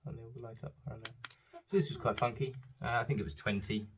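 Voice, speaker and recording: A man's voice: mid-range voice, fairly even intonation, quick pace, a crowd in the background. A man and father, chatting casually at home as he shows off holiday purchases, with lots of ums as he goes. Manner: chatty, rambling, frequent ums. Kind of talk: casual haul vlog.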